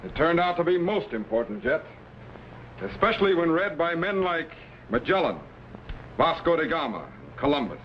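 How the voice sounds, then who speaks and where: An actor playing a confident, knowing time-travelling captain and mentor in a vintage sci-fi serial, measured and authoritative. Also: male voice, fairly high pitch, very animated. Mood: instructive. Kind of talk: 1950s sci-fi serial acting. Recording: muffled, faintly noisy vintage soundtrack.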